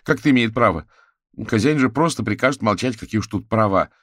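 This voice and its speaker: Man acting as a young male spirit creature, shrill, loud, impulsive, dry close recording. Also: expressive, quick pace, slightly rough, no room sound. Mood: indignant. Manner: loud, indignant outbursts. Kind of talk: audiobook character voice.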